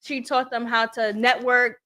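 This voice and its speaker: Brief: twenties New woman guest, bright and earnest, a bit high. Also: measured pace. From Brooklyn, USA. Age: 20s. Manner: earnest, steady telling with fillers. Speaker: podcast guest, entrepreneur. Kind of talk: casual interview chat.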